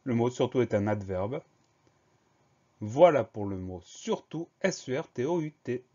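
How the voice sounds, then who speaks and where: A man's voice: medium pitch, very animated, unhurried, warm tone, highs cut off. A man teaching a spelling lesson, explaining each word patiently and spelling it out letter by letter.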